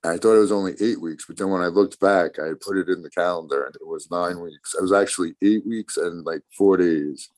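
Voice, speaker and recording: A man's voice: low voice, brisk, few pauses, darkish tone. A man chatting casually in a rambling, stoned-sounding way, swearing freely. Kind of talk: casual chat.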